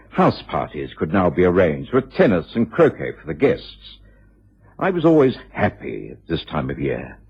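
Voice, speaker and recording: Muffled old radio recording, genial English doctor, British accent, very animated low delivery. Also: male voice, husky, full character voice. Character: genial, kindly middle-aged English doctor, Sherlock Holmes's companion. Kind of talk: radio drama acting and narration.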